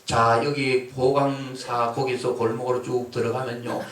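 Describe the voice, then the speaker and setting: A man preaching a sermon as pastor, calling out to the congregation and shouting out his examples. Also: mid-range voice, little pitch movement, unhurried, a little hiss or hum. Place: church or prayer house hall. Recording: echoey hall, voice from far off mic.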